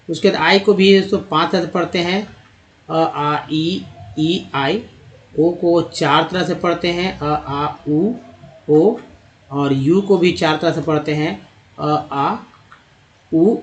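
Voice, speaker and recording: A man teaching English spelling and pronunciation, drilling each sound slowly and repeating it, and addressing the viewers as friends. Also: a little high. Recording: dull lo-fi sound.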